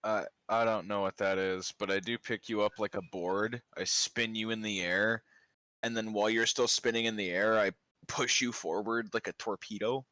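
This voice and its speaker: A man's voice: lowish voice, fairly even intonation, moderate pace, pushed and bright, no echo. A man playing in an online tabletop game, playfully describing his character's wild moves. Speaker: player. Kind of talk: casual tabletop play.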